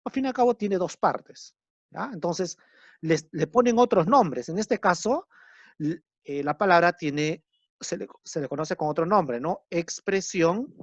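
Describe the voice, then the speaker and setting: A man's voice: fairly high pitch, dry recording. A man teaching a class, explaining patiently, repeating key terms and checking understanding with frequent tag questions. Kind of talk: recorded lecture. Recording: dull lo-fi recording.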